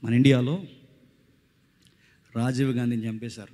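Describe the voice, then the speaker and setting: A man preaching a sermon at a village youth meeting, swinging from loud exhortation to hushed storytelling. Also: mid-range voice, level tone, moderate pace. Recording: long hall reverb.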